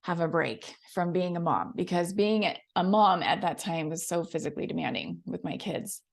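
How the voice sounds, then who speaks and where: A middle-aged American woman hosts a chatty solo podcast and works as a coach, sounding friendly and informal. Laryngitis leaves her voice scratchy and froggy, and it sits on the low side with a creaky quality.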